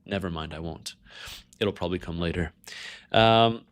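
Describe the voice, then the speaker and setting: This livestream host is a Canadian man whose native language is French, and his low voice is smooth and moderately paced. He talks markets casually, keeping things conversational as he greets the chat and responds to it.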